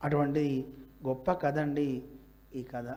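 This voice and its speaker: A man delivers a devotional sermon to a gathering, his voice sitting high for a man. He tells a sacred story in an animated way. He acts out the dialogue in several voices as he goes. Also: slow pace. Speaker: religious teacher. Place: religious gathering.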